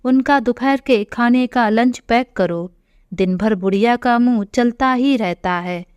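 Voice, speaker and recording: Spoiled whiny daughter, read by a woman, resentful, slow, higher pitch, dull lo-fi sound. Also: darkish tone, clean tone, dry recording, close to an everyday voice. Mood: complaining. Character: spoiled, complaining young married daughter. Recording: dull lo-fi recording.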